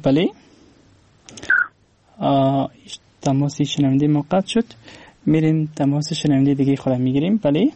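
مجری مرد با صدای نرم و کمی زیر. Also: male voice, fairly high pitch, creaky, long pauses, dark tone, no echo. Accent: Afghan Dari. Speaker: radio call-in show host. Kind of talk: hosting a phone-in, questioning callers.

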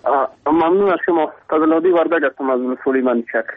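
A man with an Afghan Dari accent calling into a radio show over the phone, hesitant and full of fillers. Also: fairly high pitch. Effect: phone-line call into a radio show. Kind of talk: halting call-in question. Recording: tinny phone line on radio.

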